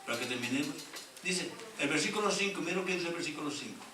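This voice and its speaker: A man's voice: fairly high pitch, animated, fast, a crowd in the background. A middle-aged male pastor preaching a sermon, reading scripture aloud and calling on the congregation to answer back. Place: church sanctuary. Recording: echoey church hall from far off, congregation audible.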